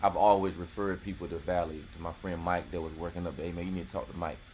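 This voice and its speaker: Male host in his forties, low voice and quick delivery, relaxed, chatty manner. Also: heavy background noise. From North Carolina, US. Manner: laid-back, rambling, lots of "you know what I'm saying". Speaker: channel host. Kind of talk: casual live-stream chat. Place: outdoors near a golf course.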